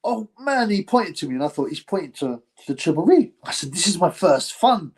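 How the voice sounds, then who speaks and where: A man with a high, very animated voice talks fairly quickly, his sound slightly rough. He hosts a casual boxing-channel live stream, rambling, reading the chat aloud and laughing often between filler words.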